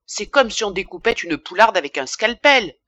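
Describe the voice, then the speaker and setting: Audiobook figure: woman reader doing an irascible, self-important male pharmacist, loud indignant tirades, bright tone. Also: medium pitch, very animated, moderate pace, dry recording, lo-fi sound. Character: pompous middle-aged male apothecary, irascible.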